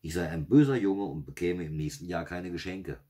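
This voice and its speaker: A man's voice: low-pitched, a little fast, mellow, lightly acted. A man reading a story, voicing a harried father who is weary and exasperated. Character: harried father dreading his stalking uncle.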